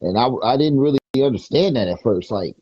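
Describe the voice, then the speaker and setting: A man with a warm, husky voice talks in a relaxed podcast chat. He rambles through stories at an easy pace. The sound is dry and a bit lo-fi. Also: mid-range voice, fairly quick, no room sound. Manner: laid-back, rambling storyteller. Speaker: podcast speaker. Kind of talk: casual chat.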